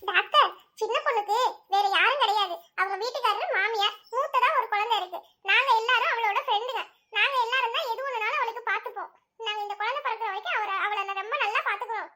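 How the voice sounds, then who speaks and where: Lady doing a high bright cartoon friend, earnest and protective. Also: fast. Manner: earnest, promising.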